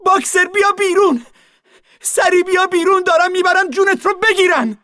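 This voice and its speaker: A man voicing a motherly mare who calls out in shrill, pleading cries. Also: pushed and bright, dry recording, studio quality. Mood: desperate. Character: motherly female mare, panicked and desperate. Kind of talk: audiobook character voice.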